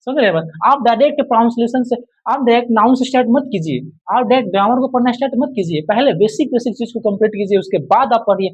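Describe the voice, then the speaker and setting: High-voiced man drilling English rules. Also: fast, husky, muffled recording. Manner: repetitive quizzing, drills answers aloud; addresses viewers as friend and brother. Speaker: English teacher. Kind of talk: casual spoken lesson.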